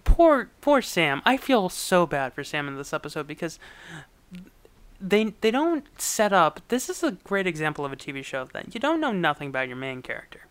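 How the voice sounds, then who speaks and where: A woman's voice: fairly low pitch, very animated, normal speed, smooth, dry recording. A woman co-hosting a podcast in casual chat, giggling as she recaps a TV episode and drops into joking quoted voices. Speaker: podcast co-host.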